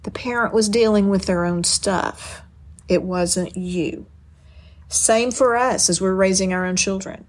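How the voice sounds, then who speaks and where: A middle-aged woman giving an earnest teaching talk on parenting, explaining with personal stories and often restarting her sentences. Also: medium pitch. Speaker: speaker on parenting and boundaries.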